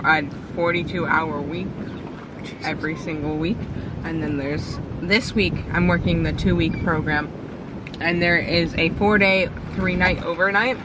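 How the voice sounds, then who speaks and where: A teenage girl chatting with her friend in a parked car, quick with joking asides. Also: fairly low pitch. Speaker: friend, co-host. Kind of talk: casual car chat. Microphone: camera on dashboard. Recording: loud wind noise in car.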